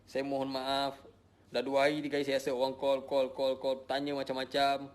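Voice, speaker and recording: At normal speed and a medium pitch, a middle-aged Malaysian man talks in a completely flat tone, his Malaysian Malay accent clear. He's a social media personality addressing followers casually, tired and on the defensive. His account is emotional and circles back over the same points.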